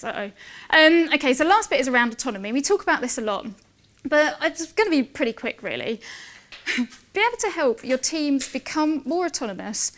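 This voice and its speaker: A woman in her forties giving a lively conference talk, chatty and self-mocking, acting out dialogue in her stories. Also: high voice. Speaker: conference speaker.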